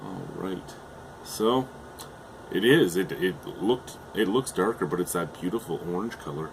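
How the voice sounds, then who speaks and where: A young man from Canada, speaking unhurriedly in a low voice that's going hoarse, rambles through a beer review in his home. His talk is chatty and halting, packed with "uh"s and false starts, and his voice is fading. There's a light air-conditioner hum in the background.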